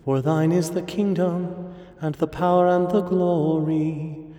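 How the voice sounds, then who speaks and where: A man's voice: on the high side, steady tone, mellow. Man intoning prayers in cathedral echo. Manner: measured, intoning responses and prayers. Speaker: officiant leading morning prayer. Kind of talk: liturgical recitation, partly chanted. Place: large reverberant church. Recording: long hall reverb with faint music.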